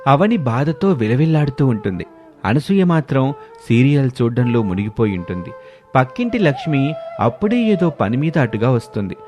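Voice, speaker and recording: A man giving a scripted, even narration of a family moral tale. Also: mid-range voice, normal speed, faint music behind.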